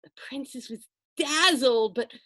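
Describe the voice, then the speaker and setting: A woman tells a folktale aloud to her listeners in an expressive, conversational style, adding dramatic pauses and asides. Her voice sits high, and the recording is dry.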